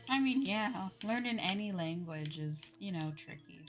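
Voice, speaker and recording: Streaming a game, this woman rambles through casual chat with viewers, thinking out loud and frequently letting sentences trail away. Her mid-range voice sounds animated at a normal pace, with music playing behind her.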